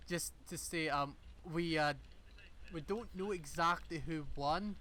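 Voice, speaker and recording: A man's voice: a little high, a little slow, bright, forceful tone, a little hiss or hum. Rambling man narrating gameplay. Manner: rambling, self-deprecating asides. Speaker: airsoft player narrating his own footage. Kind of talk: casual voice-over commentary.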